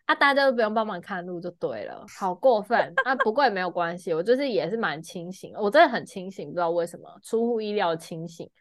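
Podcast co-host, a woman with a Taiwanese accent; animated, wide-ranging voice, dry close sound. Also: medium pitch, quick pace, few pauses, no room sound. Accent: Taiwanese Mandarin. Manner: animated storytelling, loudly acting out shouting passengers. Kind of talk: casual chat.

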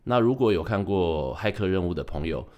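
Deep-voiced man hosting a chatty podcast. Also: expressive, fairly quick, warm tone. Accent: Taiwanese Mandarin. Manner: chatty, joking asides, self-corrections. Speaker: podcast host. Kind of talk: casual solo podcast talk.

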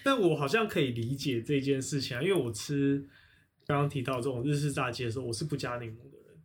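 A man co-hosting a casual podcast, retelling scenes in an animated storytelling way. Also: medium pitch, quick pace, a little hiss or hum. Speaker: podcast co-host.

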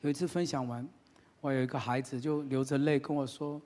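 A man's voice: medium pitch, fairly even intonation, brisk, darkish tone. A male pastor preaching a sermon, telling stories with humor and emphatic, repetitive lines.

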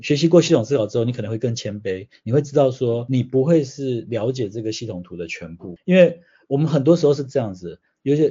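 A man's voice: mid-range voice, mellow, slightly rough. A man, a guest explaining ideas patiently through everyday examples. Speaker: guest, systems change consultant. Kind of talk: explanatory interview answers. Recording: slightly dull audio.

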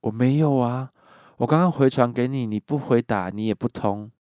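A man doing a frightened young guy, stammering, panicky, high-pitched and quite loud, dry close sound. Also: normal speed, no echo, close to an everyday voice. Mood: confused. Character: terrified young man on the phone.

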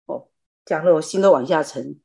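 A woman's voice: sits low, normal speed, creaky, warm tone, husky. A woman, sharing a personal story in a chatty, self-deprecating way over a video call in a Buddhist class. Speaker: lay practitioner sharing. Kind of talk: personal testimony in a group class.

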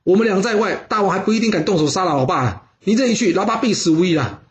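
A man's voice: a little high, expressive, fast, lightly acted. A man voicing a shrewd, urgent young strongman warrior in a storytelling podcast.

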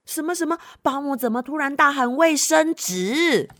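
A woman reading a picture book aloud to children in an animated, playful way, asking them questions and making sound effects. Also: high-pitched, moderate pace. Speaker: children's storyteller.

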